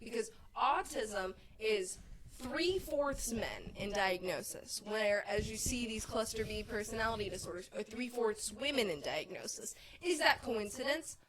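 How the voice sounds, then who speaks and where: A woman's voice: a little high, expressive, unhurried, fairly bright tone, rough recording. A young woman guesting on a podcast, chatting casually, outspoken and swearing freely. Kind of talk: casual chat.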